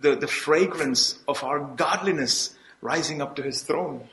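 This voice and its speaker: A man's voice: on the high side, a little slow, a bit bright. Man preaching in an echoey hall. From Middle East. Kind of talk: sermon with live interpreter. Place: hall without audience.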